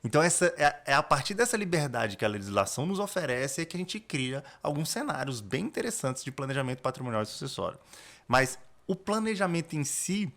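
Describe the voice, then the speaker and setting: A man's voice: a little high, sing-song, fairly quick, a bit bright. A man with a Brazilian Portuguese accent, a corporate lawyer explaining estate planning step by step as a podcast guest, with frequent restarts. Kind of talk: explanatory interview talk.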